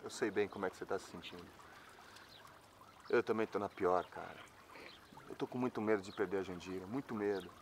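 An actor with a Brazilian accent playing a worried, supportive friend in a telenovela. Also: male voice, low voice, brisk, pauses often, slight background noise. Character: worried, supportive male friend afraid of losing his love. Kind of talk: telenovela acting. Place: outdoors beside a fountain. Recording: splashing fountain water behind voice.

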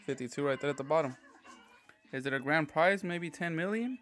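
A man's voice: a little high, fairly quick, a bit bright, faint music behind. A man giving casual, slangy, slightly impatient commentary in a home video. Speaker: vlogger filming lottery scratching.

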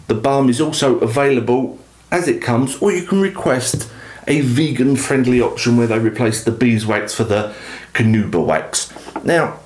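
A man, talking casually in a product review vlog, audibly out of breath and chatty. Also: medium pitch. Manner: chatty, enthusiastic. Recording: echoey room.

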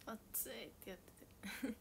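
A young woman chatting casually on a livestream, playful and mock-dramatic, sometimes dropping to soft murmurs. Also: moderate pace. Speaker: idol livestreamer. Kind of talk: casual livestream chat with viewers.

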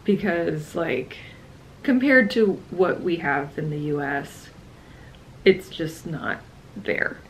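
A woman's voice: low voice, animated, takes it slowly, slight background noise, poor audio. A young woman in her twenties chatting casually on a travel vlog, tired and a little playful, trailing off into laughs. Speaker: travel vlogger. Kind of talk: casual chat.

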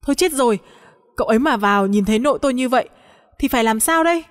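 A woman's voice: fairly high pitch, expressive, long reverb tail, lightly acted. Woman doing a flustered young man. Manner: nervous, hurried deflecting.

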